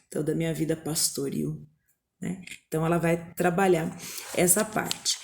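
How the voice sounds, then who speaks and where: A woman with a Brazilian Portuguese accent, a teacher explaining a lesson to her students on video, often checking in with short tag questions. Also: medium pitch.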